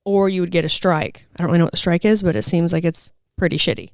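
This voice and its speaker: Woman, smooth clear voice, dry close sound, candid chatty podcast talk. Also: lowish voice, steady tone, fast, dry recording. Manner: candid, chatty, uses many fillers. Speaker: podcast co-host and fitness channel owner. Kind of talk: casual chat.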